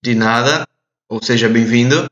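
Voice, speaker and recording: A man teaching English in a recorded audio lesson, repeating phrases slowly and clearly for learners to translate. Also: medium pitch, a bit bright. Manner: slow, deliberate drilling with repeated phrases. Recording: echoey, dull lo-fi audio.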